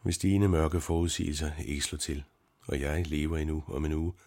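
A calm young scholar, read out by a man answers softly and reasons his way through each point in an audiobook. The voice is extremely low and husky. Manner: gentle, measured and reasoning. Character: young male scholar, calm, gentle and steady. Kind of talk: audiobook reading.

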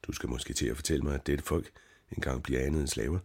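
In an audiobook, an elderly temple priest, read out by a man scolds and pleads in a voice pitched extremely low. His tone is husky and worn, and his outbursts rise in accusation. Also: steady tone, a little mellow, heavily acted. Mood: angry. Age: older. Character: old male Egyptian priest, proud and fiercely angry. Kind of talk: audiobook reading.

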